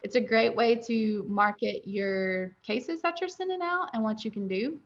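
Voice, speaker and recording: A young woman who owns a dental lab is a guest in a webinar interview over a video call, answering questions candidly. Her voice is a little high and a little slow; she's chatty and laughs easily, and the call audio is dull and lo-fi.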